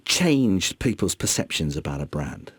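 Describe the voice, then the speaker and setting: A man's voice: deep voice, big pitch swings, unhurried, breathy edge, dry recording. A man hosting a casual radio chat show, chatty and chuckling as he reads out listener texts. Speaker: radio presenter. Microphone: studio microphone.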